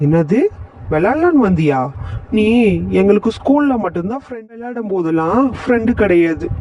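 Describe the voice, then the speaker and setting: A man's voice: sits high, animated, a little fast, mellow, dry recording, highs cut off. A man voicing a bossy, mean schoolboy puppet who talks in a rude, dismissive way, in a puppet show. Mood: scornful.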